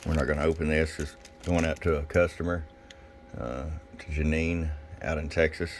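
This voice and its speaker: A man's voice: extremely low pitch, steady tone, moderate pace, a little hiss or hum. A plain-spoken, folksy man giving a casual, off-the-cuff hands-on product demo at a workbench as a shop technician. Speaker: radio shop technician and presenter. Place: indoors at a radio workbench.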